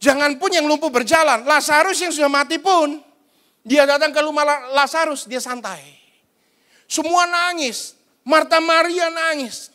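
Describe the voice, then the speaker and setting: A male pastor preaching a sermon at an online prayer service in a relaxed, colloquial way, now and then acting out quoted voices. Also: very high-pitched, a little slow. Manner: conversational, colloquial preaching with slang; acts out quoted voices in passing.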